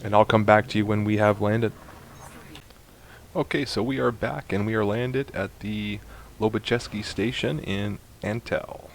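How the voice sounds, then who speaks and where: A man narrating a space game walkthrough, explaining steps to viewers in a chatty, instructive way and getting excited at times. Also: on the low side, a little slow, vocal fry, a little hiss or hum. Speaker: gaming YouTuber. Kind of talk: let's play walkthrough commentary.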